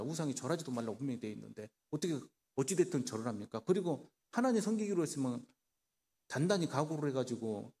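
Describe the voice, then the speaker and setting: A man's voice: a little high, darkish tone. A male pastor preaching a sermon in a church. He asks the congregation rhetorical questions and acts out the voices he quotes. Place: church sanctuary. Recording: reverberant church hall.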